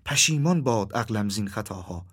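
A man voicing a sensitive male cat who quotes old poetry quietly. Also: on the low side, lively intonation, breathy edge. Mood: wistful.

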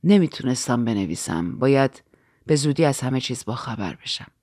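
A woman voicing a courteous, melancholy male count in an audiobook, speaking low, slow and gently ironic. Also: expressive, dry recording, studio quality. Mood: wry, quiet.

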